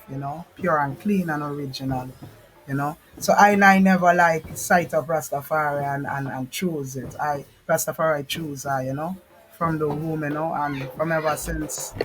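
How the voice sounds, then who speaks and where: A woman's voice: sits low, poor audio. Earnest Trinidadian woman musician. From Trinidad and Tobago. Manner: earnest, flowing speech with frequent "you know". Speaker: guest musician. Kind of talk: interview answers.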